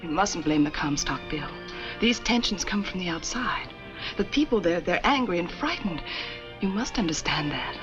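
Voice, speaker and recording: An actress playing a gentle, self-blaming young wife who speaks in a pleading, tearful way. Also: female voice, on the low side, lively intonation, moderate pace, lightly acted. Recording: dull 1950s TV soundtrack with music.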